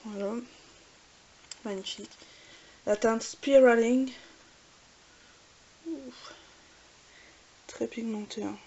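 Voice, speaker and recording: A woman's voice: on the high side, steady tone, measured pace, long pauses, a little mellow, dull audio. A woman with a French accent, chatting casually with many fillers while showing makeup swatches. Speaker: beauty vlogger. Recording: faint hiss.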